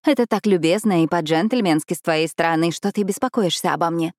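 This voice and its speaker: A woman's voice: lowish voice, brisk, a little mellow, no room sound, studio quality, natural voice. A woman voicing an angry, sarcastic young female captive in an audiobook, speaking sharply and raising her voice.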